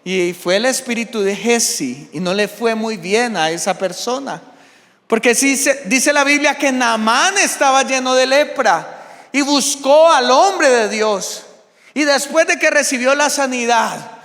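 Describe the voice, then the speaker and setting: A Colombian man preaching a sermon from the pulpit of a large church, emphatic and deliberate, asking rhetorical questions. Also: extremely high pitch, lively intonation, a bit bright. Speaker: pastor. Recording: long church hall reverb.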